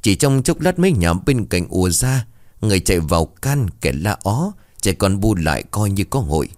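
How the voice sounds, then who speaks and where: A man reading a story aloud in an expressive, dramatic way. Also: sits low, moderate pace, dry recording, studio quality. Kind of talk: scripted story narration.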